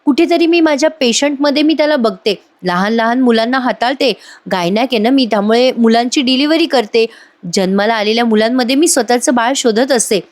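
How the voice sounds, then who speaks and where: A woman's voice: fairly high pitch, natural voice. A woman voicing an earnest young woman doctor who pleads her case.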